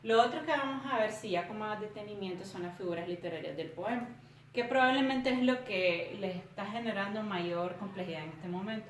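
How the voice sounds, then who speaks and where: A woman teacher giving a recorded tutorial lesson, explaining carefully and counting out syllables slowly. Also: medium pitch, a little hiss or hum. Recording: roomy, distant from the mic.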